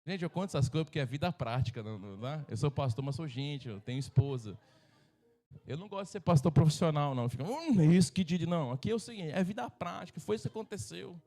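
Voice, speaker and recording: A middle-aged Brazilian pastor delivers a sermon at a church service in Brazilian Portuguese, joking and performing the voices of people in his stories. His voice sits on the high side with a darkish tone, and he talks quickly with lively intonation.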